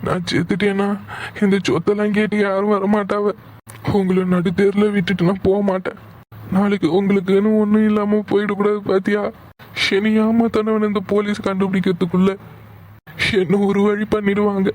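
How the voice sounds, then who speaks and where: A broken middle-aged father pleads wearily in a cartoon, as a man voices him. The voice sits high and stays flat. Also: normal speed, close to an everyday voice. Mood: despairing. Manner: weary, pleading.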